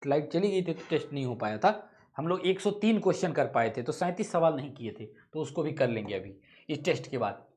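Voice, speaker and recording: A man's voice: a little high, expressive, brisk, darkish tone. A male teacher leading an online test-solving class, repeating each question, thinking aloud, correcting himself and tossing casual asides to students. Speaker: exam-prep teacher.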